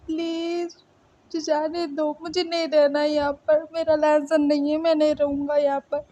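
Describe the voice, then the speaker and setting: A heartbroken young man, desperate and tearful, begging again and again to be let go, as a woman puts him on in a storytelling voice. His voice climbs high and cracks when he pleads. The sound is dull and lo-fi. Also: moderate pace, a little mellow, close to an everyday voice. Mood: pleading. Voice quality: tearful, breaking voice. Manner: desperate, pleading, repeating himself. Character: grief-stricken young man pleading to find his lost love. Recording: dull lo-fi recording.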